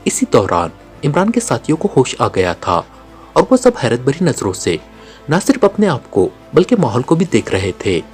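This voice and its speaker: Male storyteller with a very animated, swooping delivery, soft music underneath. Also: mid-range voice, moderate pace. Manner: lively storytelling, voicing each character's lines himself. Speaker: narrator. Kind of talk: audiobook narration of a spy novel.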